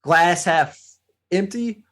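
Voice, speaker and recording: A man's voice: high-pitched, slow pace, fairly bright tone. A man co-hosting a casual sports podcast, breaking down a football draft and weighing both sides. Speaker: podcast co-host.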